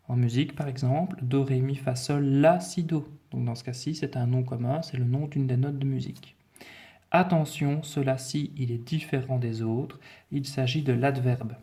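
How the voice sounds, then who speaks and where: A man's voice: mid-range voice, warm tone. A man teaching a French spelling lesson, walking patiently and methodically through a dictation and repeating the key points.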